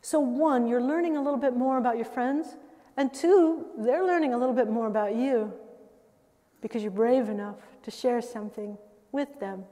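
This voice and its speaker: An older woman giving a conversational public lecture about music, pausing and laughing between thoughts. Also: fairly high pitch, warm tone. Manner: conversational, with laughs and self-interruptions. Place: lecture hall. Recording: reverberant lecture hall sound.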